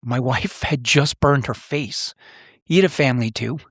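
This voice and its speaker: At a moderate pace, a middle-aged former officer now hosting a podcast recounts personal stories in a serious, plain-spoken, reflective conversational style. His medium-pitched voice has a fairly bright tone. The audio is studio quality with no echo.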